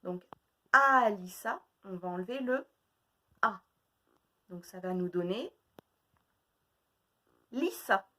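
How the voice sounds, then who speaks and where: A woman teaching a phonics lesson to young children, speaking slowly and repeating each sound and word deliberately. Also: on the low side, a bit bright.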